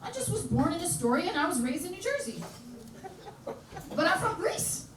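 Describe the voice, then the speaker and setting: A woman's voice: very high voice, big pitch swings, normal speed, noisy background, voice pushed up. A woman imitating a boastful young guy. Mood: insistent. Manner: insistent, repeating himself. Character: boastful young man proud of his roots. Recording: crowded live club, echoey, from far off.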